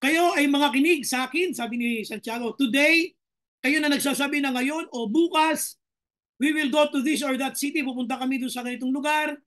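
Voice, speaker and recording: A man with a Filipino accent preaching a sermon as pastor, reading verses slowly and then pressing listeners with rhetorical questions. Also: very high-pitched, fairly bright tone.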